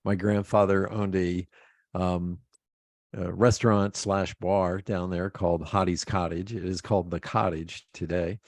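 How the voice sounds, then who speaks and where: A man's voice: low voice, flat delivery, measured pace, dry recording. A middle-aged man from Pennsylvania, a podcast guest telling rambling stories about his life and laughing often. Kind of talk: casual interview chat.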